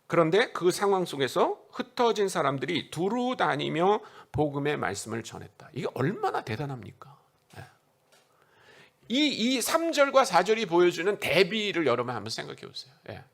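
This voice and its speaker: A man's voice: on the high side, sing-song, normal speed, vocal fry, a bit bright. A middle-aged man, a missionary preacher, giving a conversational sermon in a church and putting questions to the congregation. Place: church sanctuary.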